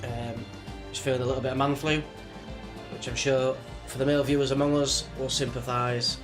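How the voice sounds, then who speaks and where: A British sim racing driver with a slight cold chats casually on his livestream before a race, rambling in a laid-back way to viewers and sounding sniffly. His mid-range voice is level in tone and brisk, heard over music.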